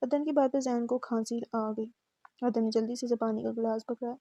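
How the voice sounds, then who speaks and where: A woman narrating a romance novel in a steady, even reading voice. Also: fairly high pitch, moderate pace, no echo. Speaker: audiobook narrator. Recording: dull muffled recording.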